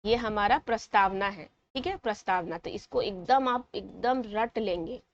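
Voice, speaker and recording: A woman's voice: mid-range voice, moderate pace. Woman, Bihari Hindi accent, teaching a class, coaxing and repetitive, muffled sound. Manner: repetitive, coaxing, checks with "ठीक है". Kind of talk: explaining a school lesson to students.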